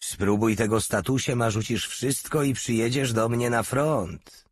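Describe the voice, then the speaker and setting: A man's voice: mid-range voice, a little slow, a little hiss or hum, voice pushed up, close to an everyday voice. A man voicing a brash, lecherous male soldier who talks with crude swagger. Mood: cocky leering. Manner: cocky, swaggering and leering.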